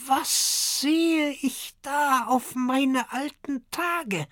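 A man voicing an ancient, curious female giant turtle with a hoarse, croaky voice in a children's audiobook. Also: very high voice, a bit bright, no room sound, studio quality, voice pushed up, full character voice. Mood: wondering. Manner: slow, murmuring old-lady voice.

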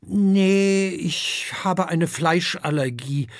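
A man voicing a gentle young male dragon who speaks politely and a little hesitantly, in a children's audiobook. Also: high-pitched, extremely slow, no echo, studio quality, voice pushed up, heavily acted. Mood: polite earnest.

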